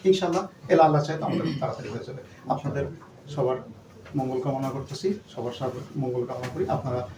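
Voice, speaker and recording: A man with a mid-range voice and fairly even intonation speaks at a quick pace, earnestly addressing a gathering of shareholders as their company leader. He repeats himself and drops in English words. The recording comes from an echoey room with a distant mic and background noise.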